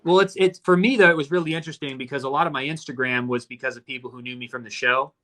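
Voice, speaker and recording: A man's voice: mid-range voice, fairly even intonation, fast, pushed and bright. A man in his thirties chatting casually on a live stream, earnest and thoughtful, often restarting his sentences. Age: 30s. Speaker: actor hosting a live stream. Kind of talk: casual chat.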